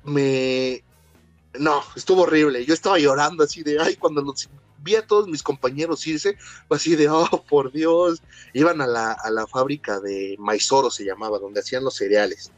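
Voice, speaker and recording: Mexican guy chatting, slangy and animated, dry close mic, faint music behind. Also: medium pitch, normal speed, dry recording. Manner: animated, slangy, acts out quotes. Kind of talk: casual storytelling chat.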